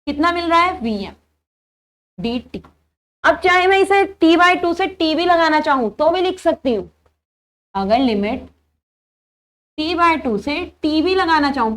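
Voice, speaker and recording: A young woman teaching an engineering class, working through each step aloud and answering her own questions. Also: sits high. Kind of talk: engineering lecture.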